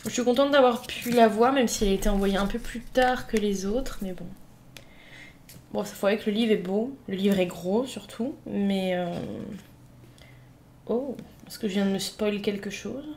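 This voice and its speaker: A woman's voice: mid-range voice, moderate pace, a little mellow, a little hiss or hum. A woman book vlogger talking casually through an unboxing, chatty and playful, with many fillers.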